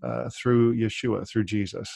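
A man's voice: fairly low pitch, fairly even intonation, measured pace, gravelly, dark tone, no echo, clean studio sound. A man in his fifties interviewing guests over a video call from his home study, talking with enthusiasm and frequent restarts. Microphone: desk microphone on a video call.

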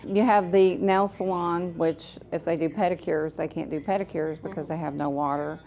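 A woman's voice: low-pitched, fairly even intonation, moderate pace, darkish tone, slight background noise. A woman who owns a laundromat, talking casually and explaining things step by step on a vlog, speaking from inside one of her laundromats. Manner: chatty, explains step by step to the camera. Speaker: laundromat owner.

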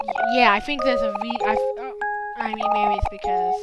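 A woman's voice: on the high side, brisk, highs cut off. A young woman hosting a casual let's play, chatty and goofy, often cutting herself off with sarcastic asides. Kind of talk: casual gameplay commentary. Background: loud game music.

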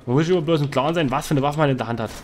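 A man giving excitable live commentary over his own gameplay into a headset microphone, calling out wins and losses. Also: a little high, racing, noisy background. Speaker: gaming commentator.

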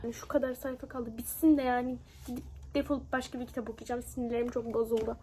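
High-pitched animated young woman vlogger. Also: fast, slight background noise. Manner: animated, exclaiming, laughing often. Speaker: book vlogger. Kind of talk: casual reading vlog.

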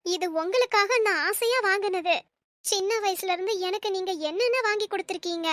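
A woman plays a sweet, generous young cartoon woman with a very high, bright voice. She speaks eagerly and affectionately, close to a dry mic. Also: fairly quick, dry recording. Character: kind, generous young woman, devoted to her family. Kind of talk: Tamil cartoon voice acting.

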